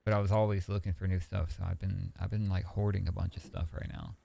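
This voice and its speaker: Gravelly low-voiced man chatting casually. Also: quick pace. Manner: relaxed, rambling, swears freely. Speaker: streamer. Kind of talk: casual stream chat.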